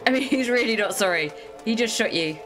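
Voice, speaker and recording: A woman's voice: on the high side, expressive, fairly quick, over music. A woman giving casual gameplay commentary with wry, chatty asides. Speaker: game streamer.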